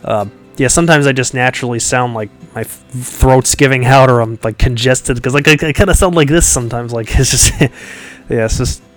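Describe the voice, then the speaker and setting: A podcast host speaks at normal speed and medium pitch with hardly any pauses, his voice nasal and congested. His casual, rambling chat is full of fillers and restarts, he chuckles often, and soft music plays in the background.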